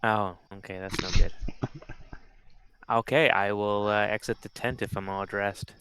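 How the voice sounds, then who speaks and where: A man's voice: lowish voice, fairly even intonation, measured pace, noisy background. A man playing a tabletop game, thinking aloud tentatively with fillers. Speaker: player. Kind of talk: casual tabletop game play.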